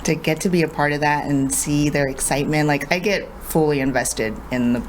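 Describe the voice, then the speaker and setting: Woman guest, deep register, friendly and chatty, casual podcast talk, faint noise. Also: fairly even intonation, fairly quick, rough recording. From Honduras. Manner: friendly, chatty, laughs easily. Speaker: guest, transaction coordinator.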